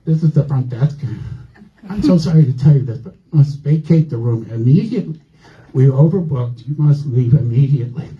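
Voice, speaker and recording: A man's voice: mid-range voice, lively intonation, moderate pace, lo-fi sound, close to an everyday voice. A man putting on the voice of a fake hotel front desk clerk, formal and apologetic, in a prank on his wife. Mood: mock apologetic. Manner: falsely formal, urgent apology.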